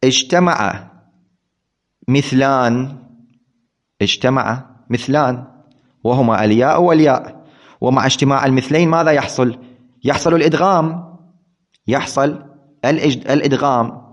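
A man's voice: mid-range voice, moderate pace, long pauses. Man teaching grammar, repeating himself. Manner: repeats key words, asks questions and answers them himself. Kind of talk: classroom lesson explaining a text. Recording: dull lo-fi recording.

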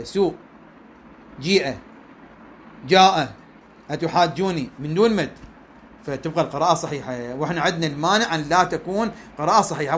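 A man's voice: a little high, slight background noise. A man with an Iraqi accent teaching a lesson on the rules of Quran recitation, explaining step by step and often checking in with his listeners. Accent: Iraqi Arabic. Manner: explanatory, checks in with listeners, draws out examples slowly. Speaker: religious teacher.

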